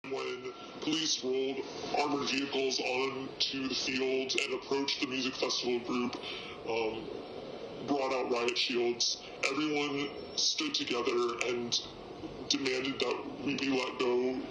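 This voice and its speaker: Protester anonymous, voice distorted to hide identity, flat halting delivery, echoey, noisy recording. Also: mid-range voice. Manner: halting, with many fillers. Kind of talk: recorded personal account.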